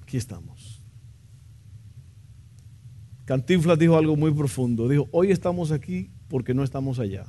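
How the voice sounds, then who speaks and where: A man's voice: on the high side, brisk, few pauses, mellow. A man preaching a sermon in a church, impassioned and asking the congregation questions. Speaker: pastor.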